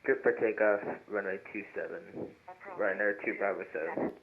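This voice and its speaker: A man's voice: on the low side, steady tone, moderate pace, vocal fry, slight background noise. A man, an airline pilot, reading back instructions over aircraft radio. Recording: tinny phone-like radio transmission.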